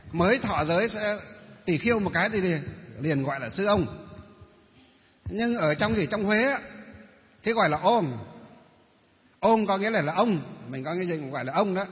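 A male Buddhist monk with a Northern Vietnamese accent giving a dharma talk, posing rhetorical questions and answering them himself. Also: sits high. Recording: reverberant hall, dull muffled sound.

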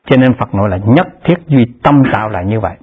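A man giving a Pure Land Buddhist dharma talk in a measured, repetitive teaching cadence, rising in pitch to stress key terms. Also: lively intonation, slightly rough. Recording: tinny lo-fi phone-like recording.

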